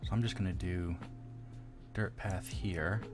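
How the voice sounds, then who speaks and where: Low, slow-talking man thinking aloud. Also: fairly even intonation, music in the background. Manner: thinks aloud while working, mutters sound effects; rambling and self-deprecating. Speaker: streamer modding a game. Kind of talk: casual live-stream commentary.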